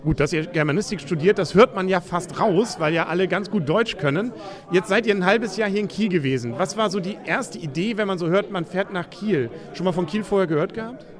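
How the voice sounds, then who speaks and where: Fast-talking man interviewing in the street. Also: high voice. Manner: chatty, jokey questions. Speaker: radio podcast host. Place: outdoors in a busy city. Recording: crowd noise behind. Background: crowd.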